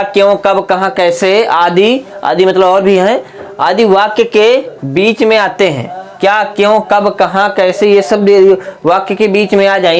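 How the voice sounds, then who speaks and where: A man teaching a spoken grammar lesson. He repeats his points and keeps putting rhetorical questions to his friends. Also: high-pitched. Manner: repetitive, asks the class rhetorical questions and keeps calling them friends.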